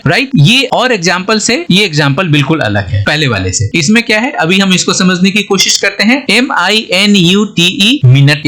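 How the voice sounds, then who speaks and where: A man gives an English lesson, spelling words out letter by letter and reading example sentences slowly. His voice sits high and moves a lot in pitch. He checks in with "okay" and "right" as he goes. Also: sharp tone. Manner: often says "okay" and "right". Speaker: English teacher. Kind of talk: explaining English vocabulary in Hindi.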